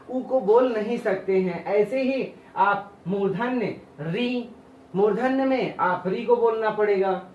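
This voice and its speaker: A man's voice: high voice, distant mic. A man teaching, holding vowels out long to demonstrate and asking questions he answers himself. He sits well back from the microphone in a roomy, echoing space. The sound is dull, with a faint hiss underneath. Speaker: Hindi teacher. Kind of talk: classroom lecture.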